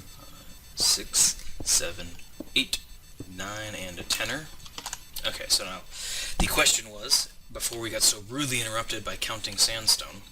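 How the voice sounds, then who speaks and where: A man's voice: fairly low pitch, far from the mic, very noisy. A man in his twenties hosting a Let's Play, rambling through a joke and stopping mid-sentence to count aloud. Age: 20s. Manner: rambling, self-interrupting, stops to count aloud. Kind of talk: gameplay commentary. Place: home room with squeaky chair.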